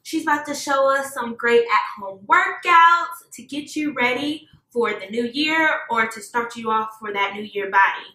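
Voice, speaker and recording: A woman's voice: a little high, lively intonation, moderate pace, hardly any pauses, pushed and bright, distant mic. A woman hosting a casual vlog interview, bubbly and playful, with lots of exclamations. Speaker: host. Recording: echoey room with faint noise.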